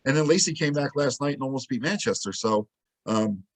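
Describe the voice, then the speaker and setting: Male co-host, lively storyteller, casual game breakdown, mid-range voice. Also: medium pitch, fairly quick. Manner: animated storytelling, acts out quotes. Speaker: podcast co-host. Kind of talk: casual sports talk.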